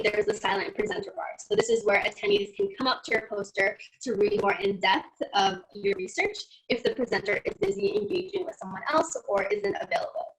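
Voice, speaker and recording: A woman with a fairly high, creaky voice gives an online conference presentation, walking through it slide by slide and starting sentences with "so." She's on a video call computer mic, and the rough audio cuts out with static.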